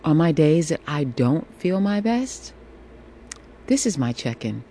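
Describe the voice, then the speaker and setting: Slow, sultry, mellow-voiced woman podcaster. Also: low-pitched, sing-song. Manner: slow, sultry, reassuring delivery with drawn-out, repeated phrases. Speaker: podcast host. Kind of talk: casual solo podcast monologue, encouraging check-in. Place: room at home with air conditioning running. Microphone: phone. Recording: air conditioner hum behind voice. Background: faint air conditioning noise.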